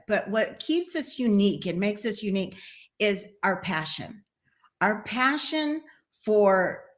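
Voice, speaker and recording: A woman's voice: medium pitch, fairly bright tone. A woman who owns a travel agency, speaking earnestly as a guest in a casual video interview.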